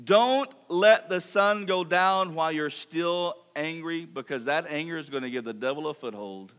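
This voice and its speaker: A man's voice: on the high side, moderate pace, smooth. A middle-aged man preaching a sermon, reading Scripture aloud and acting out mock apologies with humor. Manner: lively preaching, reads Scripture, mock-apologizes in funny voices. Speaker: pastor.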